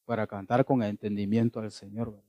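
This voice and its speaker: A man preaching a sermon, animated, often asking the congregation rhetorical questions. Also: on the low side, a little fast, dry recording, lo-fi sound. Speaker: pastor.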